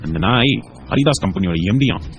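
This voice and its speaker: A man voicing an enraged young man in an audio story, speaking low and tight. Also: expressive, fairly quick, slight background noise, lightly acted. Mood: seething. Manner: low, tight, seething delivery. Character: furious young man, protective brother. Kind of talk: audio drama reading.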